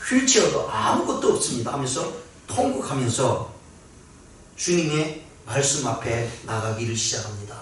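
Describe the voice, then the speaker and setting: A male pastor delivers a Sunday sermon, his slightly high voice lifting sharply whenever he presses a point. The sound carries through a very echoey sanctuary, picked up by a mic set well away from him. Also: a bit bright, recorded from a distance. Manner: emphatic preaching, pitch rising on key phrases. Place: church sanctuary.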